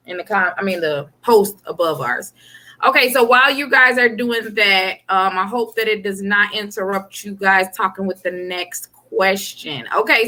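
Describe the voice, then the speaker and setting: A woman's voice: medium pitch, sharp tone, rough recording. A woman co-hosting a casual chat show, a mother who talks bluntly and jokes directly with her viewers. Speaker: co-host.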